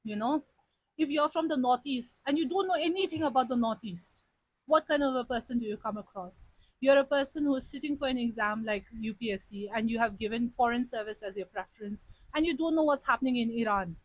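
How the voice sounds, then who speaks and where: A woman's voice: on the high side, fairly quick, dry recording, low-quality recording. A young woman in her twenties, an interviewee giving earnest advice and switching between English and Nepali. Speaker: interviewee, civil services topper.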